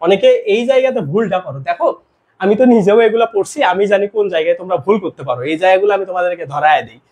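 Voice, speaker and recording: In an online grammar lesson, a young man tutors students for an admission test, explaining step by step and checking often whether they follow. His high voice comes rapid-fire with a breathy edge, and the audio is dull.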